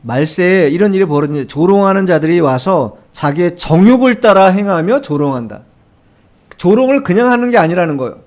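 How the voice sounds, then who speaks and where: A male pastor delivers a Sunday sermon with a notably high voice. He drives his points home with rhetorical questions and repeated phrases, speaking to a congregation in a church. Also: animated, brisk, darkish tone. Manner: emphatic, repeats key phrases. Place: church sanctuary.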